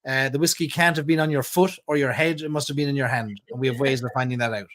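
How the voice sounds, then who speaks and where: A man's voice: medium pitch, steady tone, fast talker, a bit bright. A man working as a bingo caller, reading out rhymed numbers with casual, wisecracking banter as he co-hosts a live game. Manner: jokey, wisecracking.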